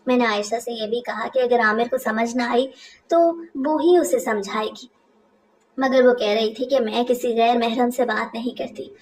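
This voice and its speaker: A woman narrating a first-person family story in a steady, confiding way. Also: a little high, normal speed, far from the mic.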